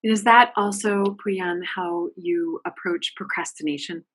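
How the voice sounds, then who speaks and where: A woman's voice: lowish voice, steady tone, unhurried. A woman moderating an online Q&A session over a video call, asking questions in a friendly, inviting way. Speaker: host.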